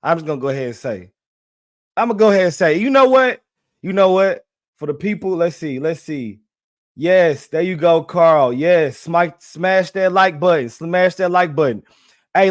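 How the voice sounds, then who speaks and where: A man's voice: high voice, dry recording, clean studio sound. A young man, animatedly hosting a casual livestream and repeating himself as he talks straight to his viewers in slang. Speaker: livestream host.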